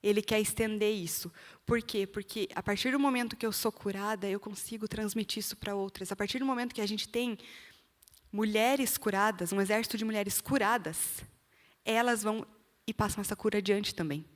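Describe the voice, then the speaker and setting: Her voice mid-range and her pace fairly quick, a Brazilian-accented woman delivers a sermon-style testimony in a church hall. She speaks earnestly and straight to her listeners. The hall's long reverb hangs on every phrase.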